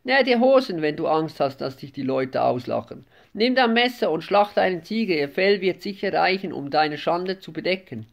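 Man doing mocking tempter, storybook, scornful, taunting, higher pitch. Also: lively intonation, moderate pace.

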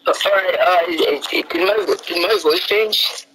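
A woman's voice: on the low side, takes it slowly, noisy background. A woman voicing a jittery prankster animatronic built for children, in a game roleplay, who stammers and repeats herself. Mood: panicked. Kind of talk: Minecraft roleplay voice acting.

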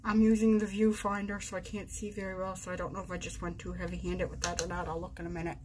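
In her bedroom, a vlogger in her forties does her makeup on camera, chatting casually, teasing herself, and walking through each step. Her voice is fairly low and darkish with little pitch movement, and she talks quickly. The recording is rough, with slight background noise.

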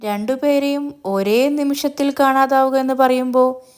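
A woman voicing a scheming older grandmother who whispers suspicions in a TV serial retelling, in a smooth voice. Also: high-pitched, steady tone, measured pace, pitched above the performer's own voice. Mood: suspicious. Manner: hushed, suspicious, insinuating.

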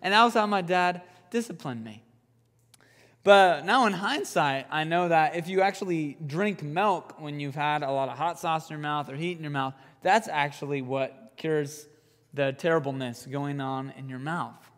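A young man preaching a youth sermon, an animated storyteller who jokes and uses fillers. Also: fairly high pitch, moderate pace, long reverb tail. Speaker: youth pastor. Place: youth group room.

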